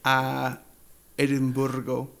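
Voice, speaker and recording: An Englishman with an English accent, native tongue English, talks slowly and haltingly as a guest in a relaxed interview. His voice has a gravelly, creaky edge, and every so often an English word slips into his sentences. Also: medium pitch. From England. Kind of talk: casual interview chat.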